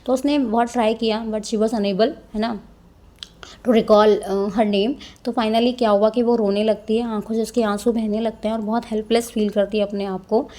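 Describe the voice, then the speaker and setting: A woman teaches a textbook chapter, reading each passage slowly before explaining it in a Hindi-mix. Her voice sits fairly high and sounds mellow and soft. She keeps checking in with her listeners through little tag questions. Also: flat delivery. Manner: reads English lines slowly, then explains in Hindi-English mix. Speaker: English teacher.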